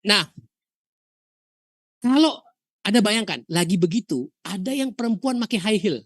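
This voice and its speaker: An Indonesian woman delivers a university histology lecture, telling lively stories, posing rhetorical questions, and mixing English terms into her explanations. Her medium-pitched voice is a little slow, recorded dry at studio quality.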